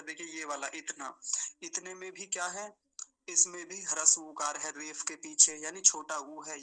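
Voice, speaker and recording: A man teaching the pronunciation of a chant. He slows down to spell out each syllable, repeats words to correct them, and coughs now and then. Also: a little high, sharp tone, poor audio. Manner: slow, drawn-out syllable-by-syllable demonstration of words. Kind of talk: explanatory lesson.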